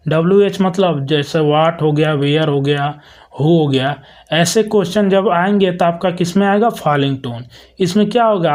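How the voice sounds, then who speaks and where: A man's voice: fairly high pitch, darkish tone. Man teaching with rhetorical questions. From India. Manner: rhetorical questions answered himself, reads English definitions slowly. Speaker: lecturer. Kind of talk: exam-prep lecture.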